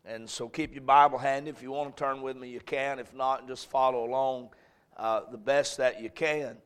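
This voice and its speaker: A man's voice: mid-range voice, fairly even intonation, normal speed, a bit bright, clear, resonant tone. Preacher man, echoey church sound. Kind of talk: church sermon with Bible reading and prayer. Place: church sanctuary, preaching over a sound system to a congregation.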